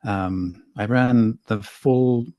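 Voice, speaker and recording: A middle-aged man from Sweden talks casually as a podcast guest, rambling and poking fun at himself. His voice sits low. The recording is dry and close. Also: drawn-out words, dark tone, dry recording. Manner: rambling, self-deprecating, frequent restarts. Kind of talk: casual interview talk.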